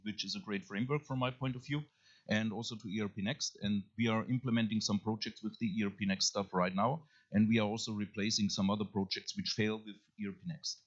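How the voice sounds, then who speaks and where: A man introducing himself as a company CEO at a conference, steady and matter-of-fact. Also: lowish voice, quick pace. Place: conference room. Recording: dull lo-fi livestream audio.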